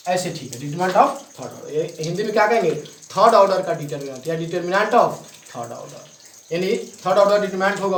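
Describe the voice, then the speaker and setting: A man's voice: high voice, far from the mic, slight background noise. A male maths teacher explains a lesson step by step, often checking in with his students. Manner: repeats check-ins to students, spells out steps slowly. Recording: echoey room, voice from off the mic.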